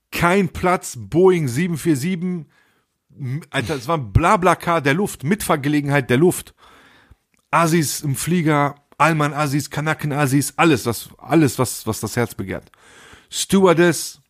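A man hosting a podcast, telling a comedic story in crude street slang and acting out the lines he quotes. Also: a little high. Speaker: podcast host.

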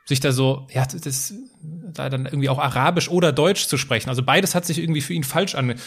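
A man interviewing a guest and asking questions in a measured, somewhat hesitant way. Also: medium pitch, husky.

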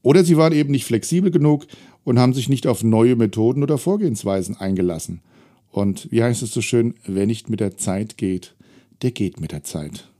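A man's voice: mid-range voice, expressive, fairly quick, mellow. A middle-aged man, a self-employed trainer, candidly and wryly telling his own story of setbacks. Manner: candid, reflective, wry. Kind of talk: personal storytelling talk.

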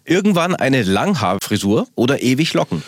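A male radio host asking a guest chatty, quick questions. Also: mid-range voice, big pitch swings, husky, dry recording, clean studio sound. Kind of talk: radio interview.

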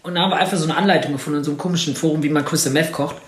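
A man's voice: a little high, fairly even intonation, very fast. A man in casual chat, telling rambling, slangy anecdotes and acting out the dialogue. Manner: slangy, rambling storyteller who acts out dialogue. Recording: roomy echo.

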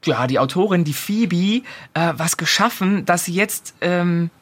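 A woman co-hosting a casual talk, retelling a series with quick quoted asides and lots of fillers. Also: fairly low pitch, expressive, husky. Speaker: podcast co-host recommending a series. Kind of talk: casual chat.

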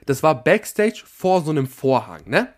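A young man tells a personal anecdote straight to his viewers in a casual, animated way. His voice sits slightly high for a man. He often breaks off mid-sentence and restarts. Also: normal speed. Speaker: vlogger telling a story. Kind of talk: casual storytelling to camera.

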